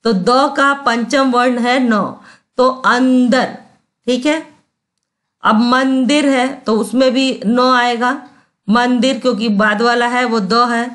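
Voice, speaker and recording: A woman teacher walks through a grammar lesson at a slow, deliberate pace. Her voice sits a little high. She repeats each sound carefully and keeps checking that her students follow. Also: a bit bright.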